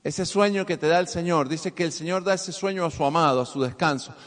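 A male pastor preaching a sermon to his congregation, swinging from soft asides to loud emphasis and calling for responses. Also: fairly high pitch, fairly quick. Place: church hall with congregation. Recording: long hall reverb.

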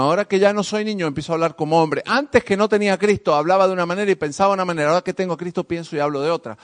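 High-voiced man preaching in a reverberant hall. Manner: preaching with call-and-response, swinging from soft asides to loud emphasis. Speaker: pastor. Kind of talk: sermon. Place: church hall with congregation.

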